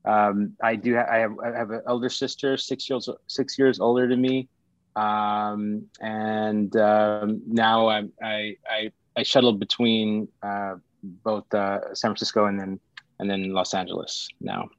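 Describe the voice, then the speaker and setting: A middle-aged man from Sri Lanka speaks as a guest on a podcast, his low voice staying flat and even as he stops, restarts and fills gaps with "um." The sound is dull and dry, with little room echo. He talks through his story in a casual, unhurried way. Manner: halting, many restarts and fillers. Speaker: startup founder guest. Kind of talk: casual interview talk.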